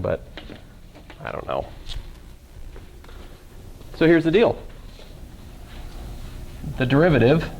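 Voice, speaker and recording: A man lectures a calculus class with a low, gravelly voice. He keeps it casual and dryly sarcastic, stopping to question his students. A faint hum of the classroom sits underneath. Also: a little mellow, rough recording. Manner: casual, dry sarcastic humor, talks through steps with questions to students. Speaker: math professor.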